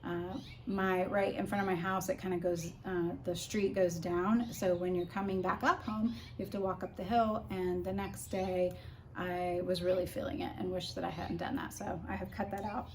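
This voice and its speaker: A woman's voice: fairly low pitch, flat delivery, moderate pace, darkish tone. A woman vlogger chatting casually and informally as she explains practical tips. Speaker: vlogger giving a personal recovery update. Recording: clear background noise.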